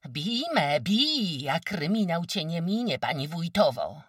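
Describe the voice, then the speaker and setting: A reader doing a jeering, shrill peasant woman. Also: big pitch swings, unhurried, husky, no room sound, clean studio sound, recorded from a distance. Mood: shrieking anger. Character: mocking, foul-mouthed peasant woman neighbor. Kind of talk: audiobook character reading.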